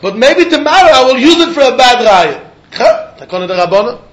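A man with a strikingly high voice and a Yiddish accent gives a Talmud lesson. He poses questions and answers them in a sing-song way, recorded in a room with clear echo. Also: sing-song, a little fast, slight background noise. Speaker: Talmud teacher. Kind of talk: religious text lesson. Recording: echoey room.

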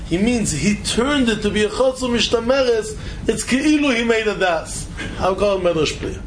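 High-pitched man teaching. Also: normal speed, a little hiss or hum, poor audio. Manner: animated rhetorical questioning, repeats phrases for emphasis. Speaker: Talmud teacher. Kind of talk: informal Talmud lecture, question and answer.

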